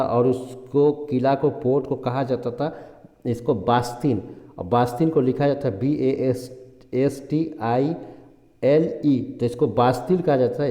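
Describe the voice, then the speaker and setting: A man's voice: medium pitch, warm tone. Man teaching history in an echoey room. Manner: reads English slowly word by word, then explains in Hindi with repetitions. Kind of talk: Hindi history lesson, reading English textbook lines and explaining. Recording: echoey room with long reverb.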